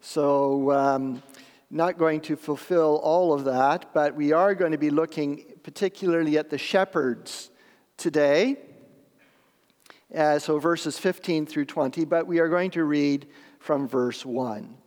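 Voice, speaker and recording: A man preaching in a church service, praying and reading scripture in a slow, measured, solemn way with deliberate pauses. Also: a little high, a little mellow. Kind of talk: sermon with prayer and scripture reading. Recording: long hall reverb.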